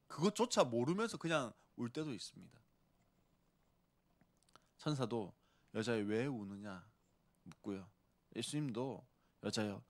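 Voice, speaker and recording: A man preaching a sermon as pastor, swinging between loud emphasis and hushed whispers and acting out quoted speech. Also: on the high side. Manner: acts out quoted speech of characters.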